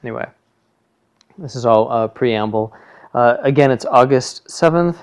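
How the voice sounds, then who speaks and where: A man's voice: mid-range voice, measured pace. Chatty man rambling into a headset. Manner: rambling, self-correcting, chatty asides. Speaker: podcast co-host. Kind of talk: casual solo audio commentary. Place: living room at home. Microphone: headset plugged into phone.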